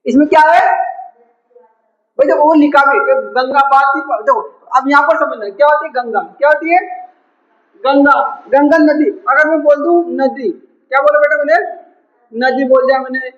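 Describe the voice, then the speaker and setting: A man's voice: extremely high pitch, moderate pace, fairly bright tone. A male teacher giving a classroom grammar lesson. He drills with constant rhetorical questions and answers them himself. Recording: echoey room, dull lo-fi sound.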